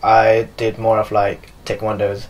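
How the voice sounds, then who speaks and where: A young Nepali man, a dancer and choreographer, answers interview questions loosely and with plenty of fillers while sitting in a living room with leather sofas. His voice is lowish, monotone, and a little slow, and the audio quality is poor.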